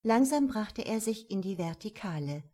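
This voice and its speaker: A woman reading a crime novel aloud, in calm, measured scripted narration. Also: mid-range voice. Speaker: audiobook narrator.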